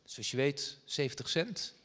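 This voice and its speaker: Animated preacher in a reverberant hall. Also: male voice, mid-range voice, measured pace. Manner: lively storytelling, acts out dialogue, animated. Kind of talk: sermon anecdote.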